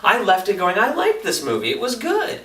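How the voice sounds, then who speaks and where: In a casual, enthusiastic vlog, a man reviews a film, talking colloquially and animatedly and acting out his reactions in quoted asides. His voice is high-pitched and fairly bright, with wildly swooping pitch at a moderate pace. The mic is distant and the room echo is noticeable.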